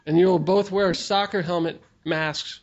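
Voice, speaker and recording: High-pitched joking man, co-host, dull lo-fi audio. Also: fairly even intonation, moderate pace, a little hiss or hum. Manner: teasing, jokey, laughs often. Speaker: show co-host. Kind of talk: casual joking sports chat.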